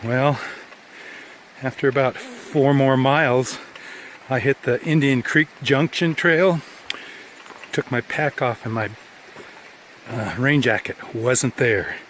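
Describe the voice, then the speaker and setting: A man's voice: mid-range voice, slow, a bit bright, slight background noise. A tired man filming himself at the end of a long hike outdoors, talking in a rambling, self-correcting, plain way as a casual trail diary. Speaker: hiker filming a trail vlog.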